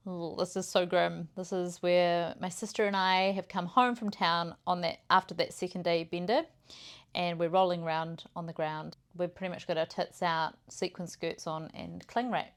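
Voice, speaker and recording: A woman in her thirties hosts a podcast, chatting cheekily while showing party photos, loud and laughing. Her voice is lowish, at normal speed, with fairly even intonation.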